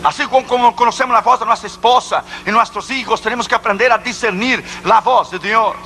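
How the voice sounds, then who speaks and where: High, bright-voiced male preacher. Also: a little fast, slight background noise. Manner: emphatic preaching with rhetorical questions. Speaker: evangelist preacher. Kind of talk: sermon.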